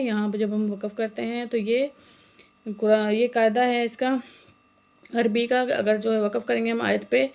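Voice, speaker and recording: A woman's voice: fairly high pitch, vocal fry, dark tone. Woman teaching Quran reading. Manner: spells letters and vowel marks, then recites slowly; quick explanations with "ٹھیک ہے؟" checks. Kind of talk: Quran recitation lesson.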